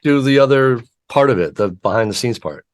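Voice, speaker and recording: A man's voice: medium pitch, animated, brisk. A man hosting a casual interview show over a video call from his home studio. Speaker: podcast host.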